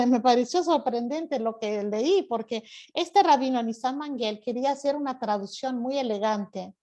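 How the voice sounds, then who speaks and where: A woman's voice: sits high, darkish tone. A woman teaching an online class over a video call, explaining patiently and often asking rhetorical questions.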